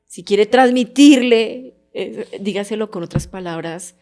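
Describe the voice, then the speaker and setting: A woman's voice: medium pitch, measured pace, darkish tone. A woman co-hosting a church couples ministry talk, explaining with example phrases.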